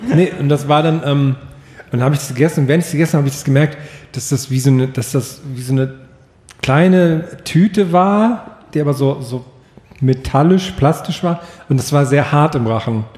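Guy with a warm mellow voice telling a long rambling story, echoey room. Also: fairly high pitch, moderate pace. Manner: rambling storyteller, laughs often. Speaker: podcast co-host. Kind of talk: casual chat.

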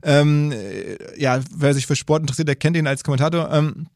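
A man's voice: a little high, normal speed, a little mellow, no room sound, clean studio sound. A man hosting a podcast, asking chatty questions and feeling around for his words. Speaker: podcast host. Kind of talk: casual interview questions.

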